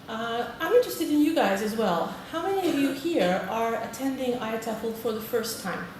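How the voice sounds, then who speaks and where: Speaking in a large conference hall, this British teacher trainer has a fairly high, animated, slightly mellow voice at a moderate pace. Her talk is friendly; she polls the audience and keeps saying "okay." Sound quality suffers from hall echo, a far-off microphone and noise.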